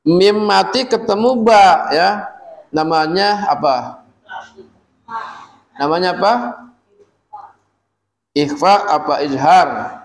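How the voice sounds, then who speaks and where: A male Quran teacher with a rather high voice leads a recitation lesson. He talks at an unhurried pace, patiently quizzes his students, and drags out the verses as he chants them. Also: poor audio.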